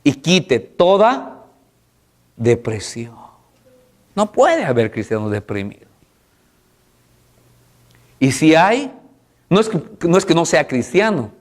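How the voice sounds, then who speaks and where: A man's voice: very animated, takes it slowly, long pauses. Impassioned male pastor preaching. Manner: impassioned preaching with repeated rhetorical questions and call-and-response; swings between loud high exhortation and low soft passages. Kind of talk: sermon.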